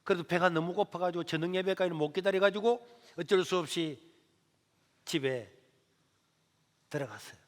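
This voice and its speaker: A middle-aged male pastor, telling a story in a lively sermon. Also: sits high, moderate pace, long pauses. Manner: animated storytelling. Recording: echoey church hall.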